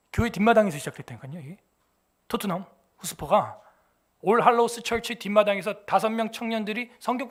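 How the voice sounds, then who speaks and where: A man preaching a sermon as a pastor in a church, animated and colloquial, firing off rhetorical questions. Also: sits high, breathy edge.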